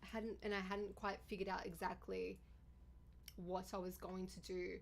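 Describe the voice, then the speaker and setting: A livestreamer and YouTuber with a deep, raspy, gravelly voice chats casually with viewers in a level tone at normal speed. She keeps a bubbly, talkative flow going and thanks them often, with slight background noise.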